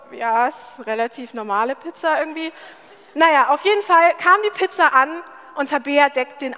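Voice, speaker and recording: A young woman delivers a relaxed, conversational sermon, laughing easily as she goes. Her voice sits high, and a long reverb trails after her words, as if she is in a big hall. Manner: chatty, lively, laughs often. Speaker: church speaker. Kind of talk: casual sermon.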